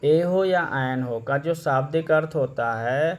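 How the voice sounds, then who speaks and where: A male teacher giving a classroom lesson, repeating his points and asking his students questions. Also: fairly high pitch. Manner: slow, repetitive, asks the class questions. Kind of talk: classroom lesson explaining English grammar.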